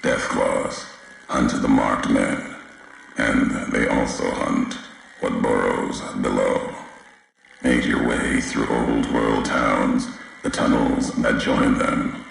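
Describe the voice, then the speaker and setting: In a slow game monologue, a brooding man of the wasteland, vengeful and fixated on history, speaks in a full character voice with fairly even intonation. Very deep and gravelly, he offers cryptic, clipped phrases and weighty pauses in an ominous, reflective mood. His voice echoes heavily above faint background noise.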